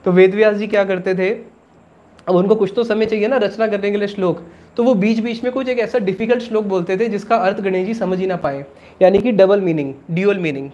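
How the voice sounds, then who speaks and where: A Gita class teacher with a high, light, mellow voice leads a religious lesson at a brisk, steady pace. He explains patiently, asks the room questions and answers them himself, and mixes English words into casual Hindi, though the audio is muffled and lo-fi.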